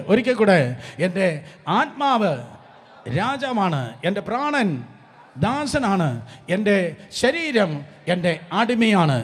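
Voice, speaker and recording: High-pitched Malayali preacher calling out to his congregation. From Kerala, India. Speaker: pastor. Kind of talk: sermon.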